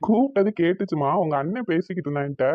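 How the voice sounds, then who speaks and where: A woman voicing a gentle, patient young groom in an animated series, talking calmly and soothingly. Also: fairly low pitch, racing, no room sound, lightly acted. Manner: calm, soothing, indulgent. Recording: slightly dull lo-fi sound.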